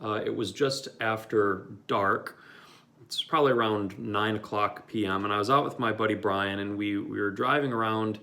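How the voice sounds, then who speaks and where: A man's voice: lowish voice, normal speed, pushed and bright. A man from Michigan telling a personal story casually, rambling with lots of fillers and restarts. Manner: rambling, many fillers and restarts, with acted-out quotes.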